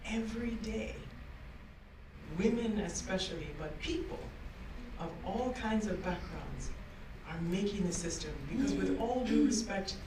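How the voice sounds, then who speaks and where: A woman's voice: medium pitch, expressive, a little slow. A middle-aged woman from Barbados speaking emphatically at a panel event, mixing in French and Creole phrases. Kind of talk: impassioned panel remarks. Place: large conference room with audience. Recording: echoey room, distant, noisy.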